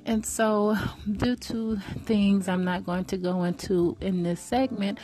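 A woman's voice: mid-range voice, steady tone, takes it slowly, dark tone. A woman in her forties giving an earnest faith-based motivational talk, preacherly and repeating phrases for emphasis. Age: 40s.

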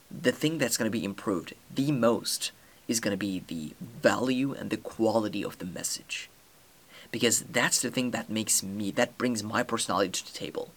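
Hosting his own podcast, this young adult from Turkey speaks Turkish natively and has a medium-pitched, slightly bright voice. His delivery is earnest and determined, though he leans on fillers and often starts over.

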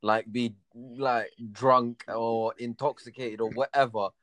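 A young man with a London roadman accent, chatting casually in a halting, slangy way and often circling back over phrases. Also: mid-range voice, steady tone, fairly bright tone, no room sound. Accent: London roadman, urban slang. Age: young adult. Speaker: podcast speaker. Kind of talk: casual chat.

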